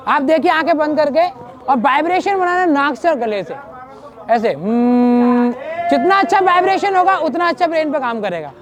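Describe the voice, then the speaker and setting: A man's voice: very high voice, lively intonation, a little fast, a bit bright, a faint crowd. A man leading a yoga class in a public park, coaxing and repetitive, speaking straight to the participants. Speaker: yoga trainer. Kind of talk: instructing an outdoor yoga class.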